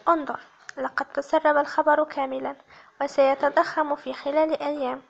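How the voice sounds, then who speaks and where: Stern police chief, a man keeping his anger in check, read by a woman narrator, high-pitched and slightly muffled. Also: flat delivery, vocal fry, a little hiss or hum. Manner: firm, measured.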